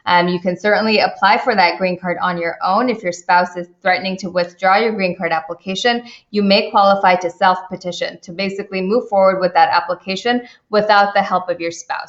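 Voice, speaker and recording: A woman's voice: mid-range voice, fairly even intonation, fairly quick, hardly any pauses. A woman who is an immigration attorney, answering viewer questions on a live stream, chatty and full of fillers and restarts. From India. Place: home office in the Washington DC area. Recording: dull lo-fi stream audio.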